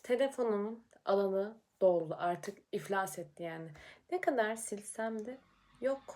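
A young adult woman vlogging casually while doing her makeup, chatty and quick to get frustrated, then calming herself down. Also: medium pitch.

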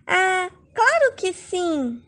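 A woman voicing a strong-willed young girl who is sweet but forceful and talks in a gushing, emotional way, for a narrated comic. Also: extremely high pitch, big pitch swings, very slow, heavily acted.

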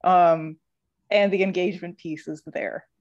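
Measured, articulate book club member. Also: mid-range voice, fairly even intonation, darkish tone, no room sound, muffled recording. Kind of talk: casual online discussion. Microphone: video call.

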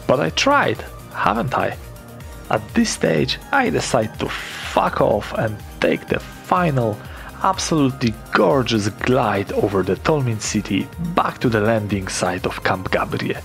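A man's voice: mid-range voice, gravelly. A young man giving an enthusiastic, casual first-person voice-over about his flight, swearing freely now and then. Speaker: paragliding vlogger.

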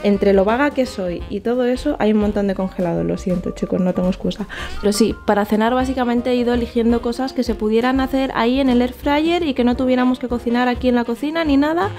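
A woman's voice: a little high, fast, dark tone, faint music behind. A young woman with a Spanish accent, chatting animatedly and mocking herself as she shows her shopping in a vlog, filmed with a handheld camera in a small home kitchen. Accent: Spanish from Spain. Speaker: vlogger. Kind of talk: casual vlog chat. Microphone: handheld camera close to face.

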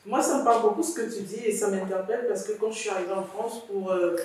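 A woman's voice: mid-range voice, quick pace, darkish tone. A woman from Cameroon hosting a podcast interview, reflective and relating the topic to her own experience. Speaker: podcast host. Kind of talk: conversational interview. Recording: echoey room, distant mic.

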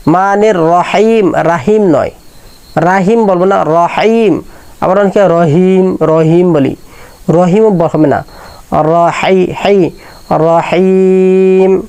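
A man teaching correct Quran recitation. He recites each word slowly and repeats it, then explains common mistakes in quick asides. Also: sits high, darkish tone, smooth. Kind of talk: slow recitation lesson with corrections.

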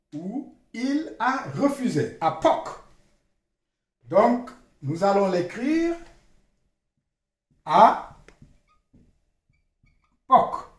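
A man teaching a language lesson, repeating words slowly and spelling them out letter by letter. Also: sits high, reverberant. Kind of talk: slow spoken language lesson.

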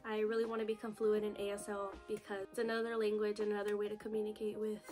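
A woman's voice: mid-range voice, completely flat delivery, quick pace, over music. Nervous young woman on a phone video. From United States. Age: 20s. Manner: nervous, chatty, full of "like" and "you know". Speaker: vlogger. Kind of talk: casual get-to-know-me vlog. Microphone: phone camera video.

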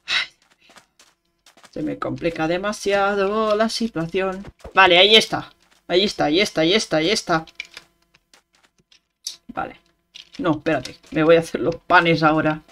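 A streamer, giving casual gameplay commentary and talking to themselves, with sudden excited outbursts. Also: medium pitch, moderate pace, long pauses. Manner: chatty self-talk with sudden excited outbursts.

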